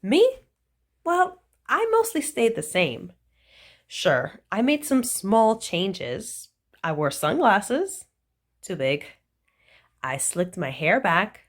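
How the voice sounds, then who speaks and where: A woman with a medium-pitched, sing-song voice reads a children's picture book aloud, unhurried and storytelling. Her voice swoops up and down, playfully stressing the punchlines, and the pace stays gentle and deliberate all the way through.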